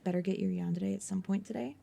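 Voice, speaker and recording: A woman hosting a casual ASMR livestream in a hushed, playful, teasing way, often slipping into a whisper. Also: medium pitch, steady tone, quick pace, vocal fry, breathy edge. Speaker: livestreamer host.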